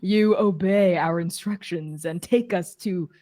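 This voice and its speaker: A woman voicing a player character who theatrically poses as a Lord of Darkness, speaking in a slow, grandiose way. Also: on the low side, warm tone, lightly acted. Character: boastful self-proclaimed Lord of Darkness, a bluffing adventurer.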